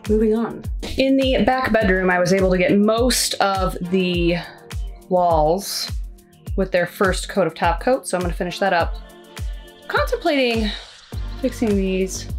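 A woman in her thirties giving a casual, matter-of-fact renovation update inside a small travel trailer, talking close to a handheld camera. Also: medium pitch. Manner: chatty and matter-of-fact, shrugging things off. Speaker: renovation vlogger. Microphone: handheld camera close to face.

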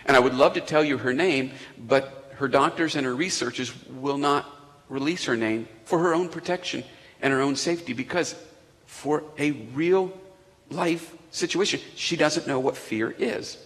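A pastor with a medium-pitched, fairly bright voice preaches at normal speed to his congregation in a church sanctuary. His sermon is conversational, sprinkled with asides and questions to the room, and the recording carries the echo of the church hall.

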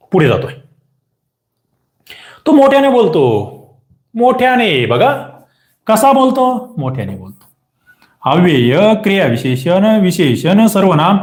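Lively male teacher quizzing students. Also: fairly high pitch, reverberant. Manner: quizzing, repeats questions and pushes for quick answers. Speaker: exam-prep teacher. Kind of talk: live online grammar class.

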